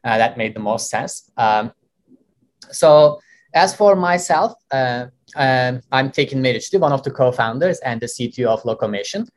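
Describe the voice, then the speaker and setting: A man from Turkey whose first language is Turkish, a guest answering interview questions in a measured way with many "uh" fillers. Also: mid-range voice, expressive. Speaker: guest, company co-founder.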